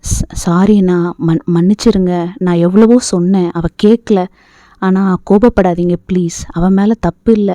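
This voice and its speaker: A woman voicing a proud, sharp-tongued young woman in an audio novel. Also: lowish voice, fairly even intonation, moderate pace, no room sound, natural voice. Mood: pleading. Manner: pleading, then irritated and sarcastic. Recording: dull lo-fi dry recording.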